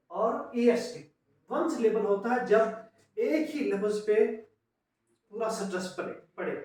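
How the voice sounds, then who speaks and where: A man with a high-pitched voice gives an unhurried grammar lesson, spelling out word endings letter by letter. He is recorded from well away from the mic, in a very echoey room. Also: distant mic. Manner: explains slowly, spelling words out letter by letter; mixes English terms into his explanations. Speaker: English grammar teacher. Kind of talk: classroom lecture.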